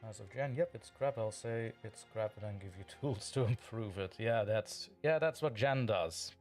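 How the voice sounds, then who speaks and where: This livestream host has a fairly low, slightly mellow voice and speaks at a normal speed. He keeps things casual and playful, reading viewer comments out loud and frequently chuckling, over soft background music.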